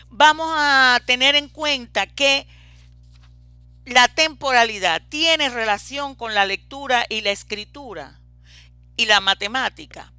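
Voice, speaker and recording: A woman's voice: fairly high pitch, sharp tone, dry recording. A woman teaching a lecture on reading and writing, explaining step by step with frequent hesitant fillers.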